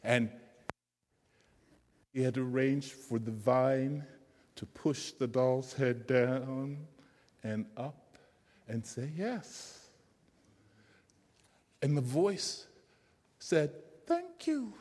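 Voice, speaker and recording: Man, storyteller, slow gentle delivery, long hall reverb. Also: mid-range voice. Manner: slow, gentle, softening to quiet. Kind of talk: performed folk tale.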